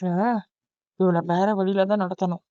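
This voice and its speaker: A woman's voice: lowish voice, level tone, unhurried, mellow, no echo, lo-fi sound, close to an everyday voice. A woman voicing a scheming middle-aged aunt who pleads and pushes emotionally. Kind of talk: cartoon voice acting.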